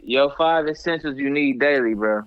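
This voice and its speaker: A man's voice: mid-range voice, normal speed, a crowd in the background. A man posing questions to friends in casual, insistent, slangy banter. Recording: slightly dull, lo-fi sound.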